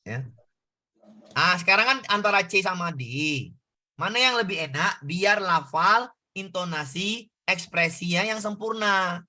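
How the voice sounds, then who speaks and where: A male tutor works through exam questions in a casual, back-and-forth way and keeps asking his students for answers. His voice sits high for a man. It sounds very bright and sharp. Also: a little slow. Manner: conversational, asks students questions. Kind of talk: exam prep lesson.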